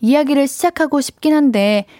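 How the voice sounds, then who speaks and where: A woman's voice: high voice, fairly quick, warm tone, no echo, studio quality. A woman radio DJ chatting playfully as she reads out listener messages on a live show. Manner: playful, chatty, tries out dialect phrases. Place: radio studio. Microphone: studio mic.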